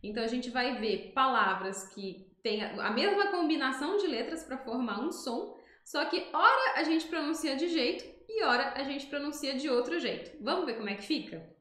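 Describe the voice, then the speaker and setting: A woman from Brazil teaching an online French lesson, her voice sitting a little high. She explains each sound patiently and slowly repeats the words so learners can copy them. The room around her microphone gives a noticeable echo. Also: animated, a bit bright. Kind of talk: online language lesson with screen demonstrations.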